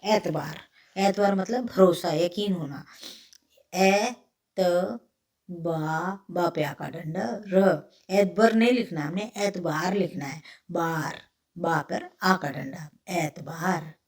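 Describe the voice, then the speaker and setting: Woman teacher spelling words piece by piece, slow and steady, a bit far from the mic. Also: fairly low pitch. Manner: spells words letter by letter, repeats each word. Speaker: Hindi teacher.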